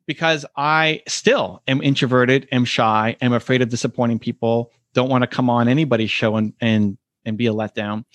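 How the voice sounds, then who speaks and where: A man appears as a guest on a podcast, giving reflective, conversational interview answers in a steady tone at normal speed with hardly any pauses. He is earnest, and his pitch rises when he acts out quoted voices. There's no echo.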